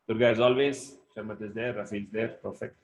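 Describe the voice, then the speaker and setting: A man's voice: lowish voice, steady tone, quick pace, poor audio. A man teaching a live online class over a video call, chatty and informal, apologizing for running late. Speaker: instructor.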